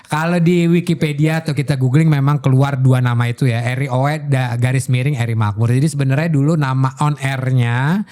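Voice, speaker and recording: Relaxed man telling stories. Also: medium pitch, a little fast. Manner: relaxed storyteller, laughs easily. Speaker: guest actor. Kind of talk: casual interview chat.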